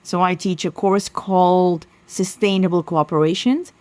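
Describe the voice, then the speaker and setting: A woman's voice: lowish voice, fairly even intonation, moderate pace, darkish tone, no room sound. A middle-aged woman from Sudan, a consultancy founder answering interview questions in a passionate, emphatic way. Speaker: guest, sustainability consultancy founder.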